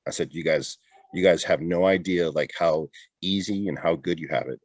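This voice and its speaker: A middle-aged man speaks in a low, deep voice, telling his story candidly in a relaxed podcast chat. He often repeats and restarts phrases as he goes. The sound is dry and close to the mic. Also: moderate pace, no echo. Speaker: interview guest, retired border patrol agent. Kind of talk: casual conversational interview.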